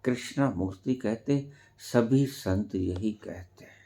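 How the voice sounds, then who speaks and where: Slow, deep-voiced spiritual teacher, man. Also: gravelly. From India. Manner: slow, deliberate, sudden loud emphatic rises. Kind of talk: spiritual discourse.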